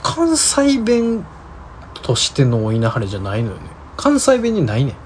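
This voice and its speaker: A man speaking with a Kansai accent, chatting casually as a podcast co-host and telling a story with quick asides. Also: medium pitch, huge pitch swings, slight background noise. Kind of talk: casual chat.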